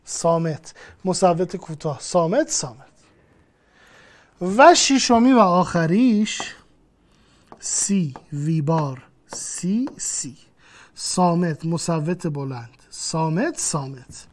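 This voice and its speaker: Patiently explaining a classroom lesson step by step, a teacher uses a medium-pitched voice with lively intonation. They repeat themselves and talk directly to the student.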